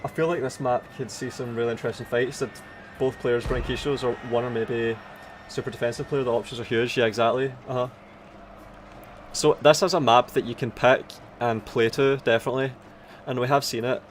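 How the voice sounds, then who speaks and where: A man with an Aberdonian Scottish accent giving casual, sweary live commentary on a strategy game, thinking aloud in a halting way. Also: mid-range voice, fairly even intonation. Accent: Aberdonian Scottish (Doric). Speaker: esports tournament commentator. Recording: background noise of game battle ambience. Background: strategy game battle sounds.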